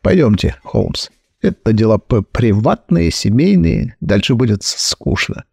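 A shrewd detective, read by a male narrator speaks in brisk, matter-of-fact explanations. The voice is gravelly and close, with no room around it, and the melody moves quite a bit. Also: on the low side, big pitch swings, a little mellow, dry recording, full character voice. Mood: quiet.

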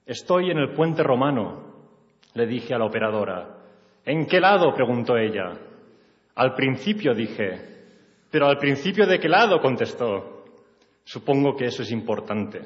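A man from reads short literary texts aloud to a live audience in a hall, playfully raising his voice for the dialogue. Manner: reads playfully, voice rising high for acted dialogue. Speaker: reader at a literary reading. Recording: echoey hall, dull lo-fi sound.

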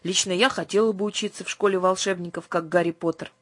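A woman's voice: lowish voice, fairly even intonation, fast talker, no echo, lightly acted. A woman reading an audiobook, voicing a spirited little girl who argues indignantly. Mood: curious. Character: spirited, touchy little girl shopping for books. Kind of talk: audiobook character voice.

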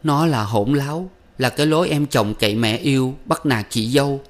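A man's voice: mid-range voice, normal speed, pitched above the performer's own voice, lightly acted. A man reading aloud and voicing a young married daughter who sobs and complains plaintively. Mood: tearful. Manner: sobbing, plaintive.

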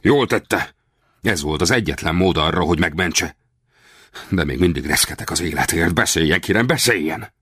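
A man voicing an excitable, commanding middle-aged frontiersman who fires off urgent, demanding questions. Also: very deep voice, no echo, clean studio sound. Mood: agitated relieved.

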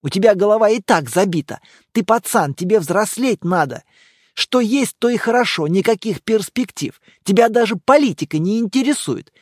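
A furious young woman in an audiobook drama, her voice pitched high and swooping as she snaps and shouts, with a male narrator putting her on. She sounds scornful and exasperated. The recording is close and dry. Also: animated, moderate pace, no echo. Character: angry young woman leaving her boyfriend.

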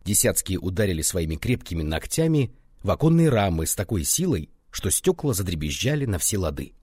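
A low, husky-voiced man reads a folk tale as audiobook narration, lively and animated in pitch. The sound is dry and close, with no room around it. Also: a little fast, no room sound. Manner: animated, reads notes aloud. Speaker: audiobook reader. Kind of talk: expressive scripted narration.

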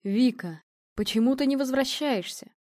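A woman's voice: high-pitched, moderate pace, a little mellow, no echo, studio quality, close to an everyday voice. A woman voicing a confident, imposing male medium who speaks weightily and commandingly, in a storybook reading.

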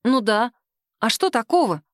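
A woman voicing a timid young female office worker who squeaks and bleats her replies. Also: very animated, normal speed, no echo, clean studio sound. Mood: coy.

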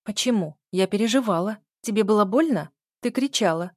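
A woman's voice: mid-range voice, expressive, a little fast, no echo, clean studio sound, pitched above the performer's own voice, lightly acted. A woman reading an audiobook voices a dismissive sister with a sneering, mock-sympathetic manner. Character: mocking dismissive younger sister.

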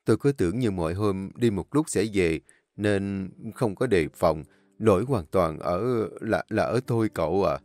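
A man voicing an older male butler who speaks slowly and apologetically. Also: low-pitched, expressive, darkish tone, no room sound. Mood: apologetic. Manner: slow, apologetic.

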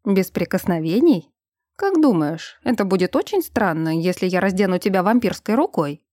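A woman voicing a calm, teasing man who used to be a policeman, read in an audiobook. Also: medium pitch, fairly quick, no room sound, clean studio sound. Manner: teasing, unruffled. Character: grown man, former cop, teasing and calm.

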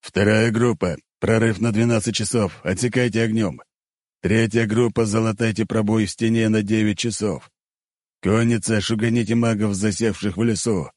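A man's voice: fairly low pitch, fairly even intonation, normal speed, darkish tone, dry recording, clean studio sound, voice pushed up, lightly acted. A man doing a terse battle commander. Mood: commanding. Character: calm male battle commander giving orders.

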